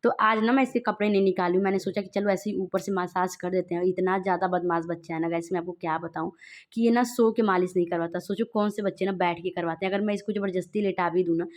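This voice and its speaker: A woman's voice: lowish voice, steady tone, fast. A young woman, a mother, chatting casually to viewers in a home vlog, rambling and speaking straight to her audience. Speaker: vlogger and mother. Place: at home indoors.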